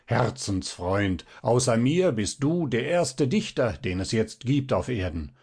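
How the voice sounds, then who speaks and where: A man's voice: medium pitch, very animated, unhurried, a little mellow, breathy edge, full character voice. A man voicing a stout, effusive male professor in a storybook reading, talking in a theatrical, gushing way.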